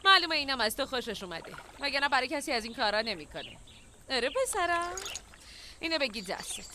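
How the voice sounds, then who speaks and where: A woman's voice: high voice, very animated, background noise. An actress dubbing a frank, caring young woman in a TV drama. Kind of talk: dubbed TV drama. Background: music.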